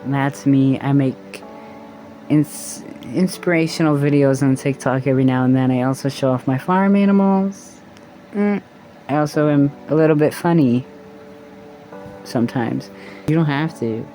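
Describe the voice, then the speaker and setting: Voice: medium pitch, unhurried, dark tone, a little hiss or hum. A vlogger with a sore throat after tonsil surgery, giving casual advice in a loose, rambling valley-girl drawl with plenty of swearing. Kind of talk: casual to-camera advice chat.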